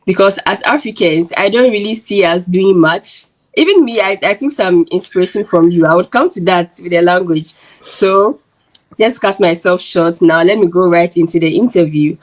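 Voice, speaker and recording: A woman's voice: on the low side, normal speed, low-quality recording. A woman from Ghana hosting her channel, chatty and filling her talk with "like". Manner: chatty, uses lots of "like". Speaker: YouTube host and interviewer. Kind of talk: casual interview chat.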